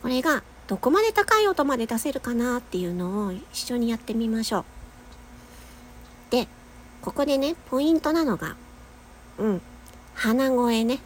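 A woman's voice: a little high, very animated, moderate pace, pauses often, a little hiss or hum. Chatty nasal woman teaching voice. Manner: chatty, laughs often, demonstrates sustained tones. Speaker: voice-training podcaster. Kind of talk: casual voice lesson.

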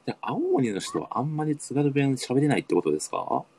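A man's voice: medium pitch, big pitch swings, quick pace, vocal fry, a little mellow, husky. A man hosting a casual online radio chat, eager and full of admiring interjections. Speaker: podcast host.

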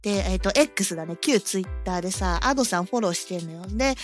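A woman's voice: medium pitch, expressive, fairly quick, soft background music. A woman hosting a casual solo audio talk, chatty and laughing often as she tells a story. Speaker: podcast host and hobby musician.

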